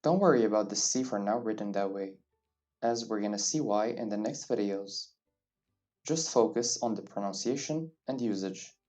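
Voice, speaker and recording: In a fairly low, darkish voice at normal speed, a man leads a slow-paced beginner French lesson, patiently saying every phrase and repeating it. The distant mic also picks up faint background music.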